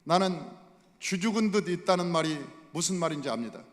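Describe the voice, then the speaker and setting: High-voiced male pastor preaching. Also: animated, brisk. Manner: storytelling, addresses the congregation directly. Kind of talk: sermon. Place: church sanctuary. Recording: long reverb of a church hall.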